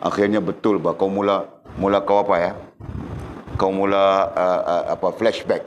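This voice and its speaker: Low-voiced man. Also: little pitch movement, moderate pace, a little hiss or hum. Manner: conversational, teasing questions to the audience. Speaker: religious teacher. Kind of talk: religious lecture.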